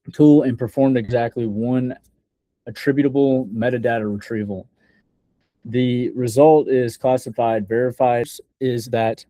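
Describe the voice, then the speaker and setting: A young man giving a scripted software demo in a deliberate, measured, slightly halting way, as a developer presenting a project. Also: mid-range voice, no echo.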